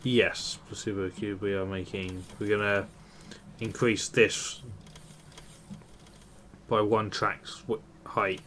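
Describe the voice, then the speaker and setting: A man's voice: fairly low pitch, level tone, takes it slowly, pauses often, fairly bright tone. A man streaming a multiplayer game with casual commentary, upbeat when he thanks viewers. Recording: clear background noise.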